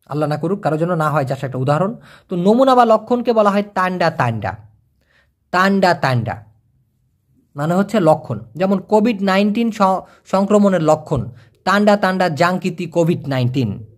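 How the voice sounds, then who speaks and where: A man teaching a casual video lesson, explaining slowly, repeating words and checking that viewers follow. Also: high-pitched, animated. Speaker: language teacher.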